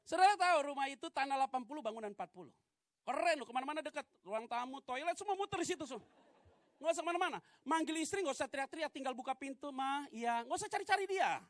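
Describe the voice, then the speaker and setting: Animated male pastor preaching, dry sound. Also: very high-pitched, racing, no echo. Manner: animated, swinging between loud preaching and quiet asides; calls for amens from the congregation. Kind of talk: sermon.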